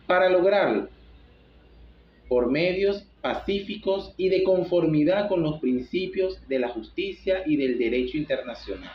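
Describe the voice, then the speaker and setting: A man's voice: high-pitched, slight background noise. A man reading a school lesson aloud from his notes, stumbling and restarting words now and then. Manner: reads from notes with halting restarts. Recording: echoey room, dull lo-fi sound.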